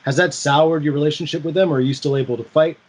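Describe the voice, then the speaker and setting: A man's voice: on the high side, steady tone, a little mellow. A man hosting a fight podcast, asking casual questions with many fillers and restarts. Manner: halting, filler-heavy questions. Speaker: podcast host.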